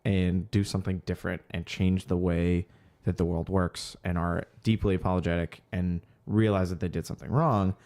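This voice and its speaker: A deep-voiced man with a slightly mellow tone and little pitch movement speaks at a moderate pace, pausing little. As co-host of a casual podcast, he reads music news hesitantly, full of ums, often trailing off with sentences left unfinished as he looks for words.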